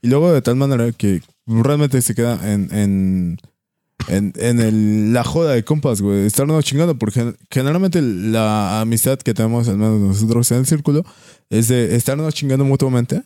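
A man's voice: medium pitch, normal speed, dark tone, dry recording. A young man with a Mexican accent chatting casually, rambling and joking in slang. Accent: Mexican Spanish. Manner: rambling, slangy and jokey, with many restarts. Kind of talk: casual chat.

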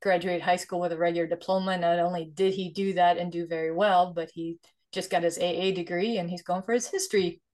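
Earnest Swedish-born woman, lowish voice. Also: steady tone, brisk, a little mellow. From Sweden. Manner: earnest, explanatory, uses "right?" often. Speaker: guest, investor and nonprofit founder. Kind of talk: conversational interview.

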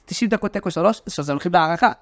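A man co-hosting a casual sports podcast, animated and teasing, telling stories with big swings in his voice. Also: dry recording, clean studio sound. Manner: animated, teasing, tells stories with shifts in pitch. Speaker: podcast co-host.

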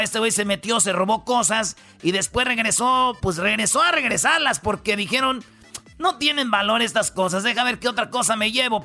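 High, gravelly man joking on radio. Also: pushed and bright. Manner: joking, slangy, punchline-driven. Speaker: radio show host. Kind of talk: comedic radio countdown banter.

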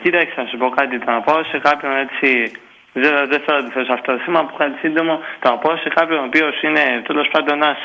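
A man calling a sports show for a casual chat, speaking haltingly and repeating himself with many tag words. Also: fairly high pitch, fairly even intonation, muffled recording. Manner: halting, repetitive, full of tag words like "right" and "you see". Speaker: regular phone-in caller, Olympiacos fan.

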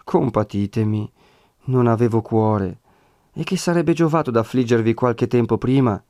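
A man reading aloud, voicing a sad, devout young peasant woman who speaks softly and slowly. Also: mid-range voice, dry recording, close to an everyday voice. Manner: soft, slow, tearful pleading.

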